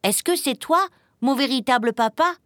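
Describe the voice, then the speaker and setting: Woman voicing a high, pleading little chick. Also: animated, normal speed, dry recording. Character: small lonely green chick, young, yearning.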